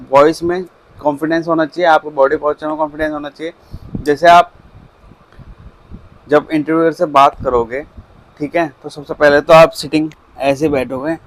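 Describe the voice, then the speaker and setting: A man's voice: on the high side, rough recording. A man casually coaching viewers on how to handle job interviews, often checking in with them as he goes. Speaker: career advice vlogger. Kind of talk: casual instructional talk.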